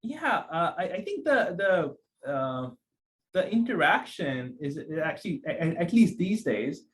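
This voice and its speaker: A man's voice: a little high, very animated, unhurried, fairly bright tone, low-quality recording. A man from Pakistan, a psychiatrist guest, answering in a thoughtful, conversational way with frequent restarts and fillers. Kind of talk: conversational interview.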